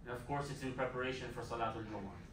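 Imam preaching in an echoey hall. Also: male voice, medium pitch, steady tone, racing, fairly bright tone, slight background noise. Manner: emphatic, repeats key phrases. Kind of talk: Friday sermon. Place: mosque prayer hall. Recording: echoey hall, mic far off.

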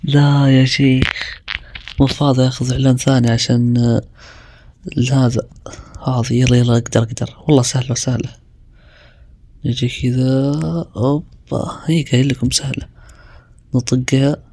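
A young man, chatting his way through a video game and talking himself through each move with quick exclamations. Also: mid-range voice, flat delivery, mellow, no echo. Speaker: gaming video creator. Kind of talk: casual gameplay commentary.

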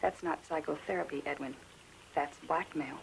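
A sardonic, defiant patient. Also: female voice, sits low, normal speed, gravelly, noisy background. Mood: dry. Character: bitter, witty woman in psychiatric ward. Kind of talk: 1970s TV movie acting. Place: hospital ward room.

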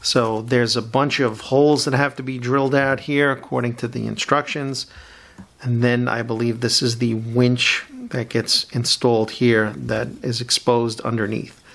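A man's voice: mid-range voice, a little slow, creaky. Chatty middle-aged man at his workbench. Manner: relaxed, chatty, many fillers. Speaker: scale model builder, channel host. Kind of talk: casual build review. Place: home hobby room.

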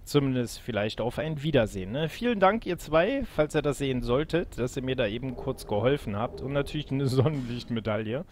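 A man's voice: medium pitch, lively intonation, a little fast, hardly any pauses, slight background noise. A man giving casual, chatty commentary on a video game, addressing his viewers as friends. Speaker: let's player. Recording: music behind the voice. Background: game music.

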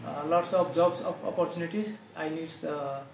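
A man in his twenties from Nepal, answering job interview questions politely in halting speech with many pauses. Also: fairly high pitch, fairly even intonation. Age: 20s. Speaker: job applicant. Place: small indoor office. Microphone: camera a few feet away. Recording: echoey room, far from mic, clear background noise.

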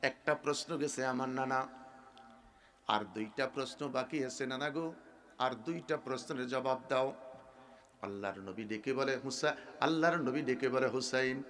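A male preacher delivering an emotional sermon to a gathering. His delivery is sing-song and swells into loud wailing chants. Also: mid-range voice, a little slow, pauses often. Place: outdoor religious gathering.

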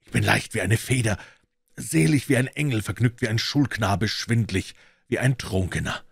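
A man's voice: lowish voice, moderate pace, vocal fry, husky, dry recording, clean studio sound. A man voicing an overjoyed old male miser, exclaiming giddily in a storybook reading. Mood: giddy. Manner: exclaiming, breathless and giddy.

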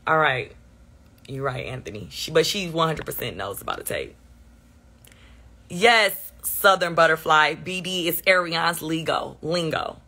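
A woman with a bright, forceful voice vents live on her phone, defensive and quick to sarcasm. She talks straight to her chat. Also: low-pitched, expressive. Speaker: livestreamer. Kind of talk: venting on a livestream.

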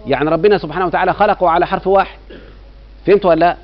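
A man's voice: sits high, fairly even intonation, very fast. Egyptian man teaching grammar, quizzing students. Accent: Egyptian Arabic. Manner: keeps quizzing students with rhetorical checks. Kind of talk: classroom lecture. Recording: dull lo-fi recording.

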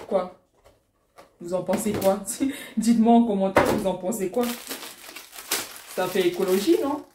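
A young woman talks excitedly, with fillers and repeated words. The echoey room lends her voice a hollow ring. Loud crinkling and rustling sit behind her. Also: low-pitched, noisy background. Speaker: small-business vlogger. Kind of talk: casual vlog chat. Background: crinkling packaging and clicks.

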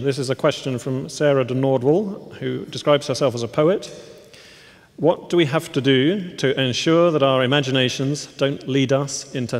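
A middle-aged man with an ordinary mid-pitched voice moderates a panel, courteous and a little halting, repeating words as he goes. A headset mic catches him, with a long reverb from the big church hall. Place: large church hall with audience.

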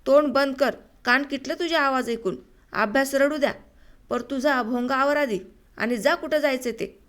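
A sharp-tongued village mother scolds her son in earthy country speech, put on by a woman reading a story. Her high voice rises hard and loud. It is an audiobook telling. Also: normal speed. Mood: scolding.

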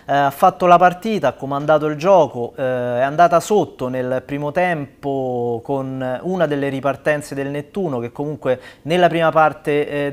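A man in his thirties presents a football report from a studio. His voice sits a little high, and he builds his analysis in halting phrases on a lapel mic. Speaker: sports show host. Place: small indoor TV studio.

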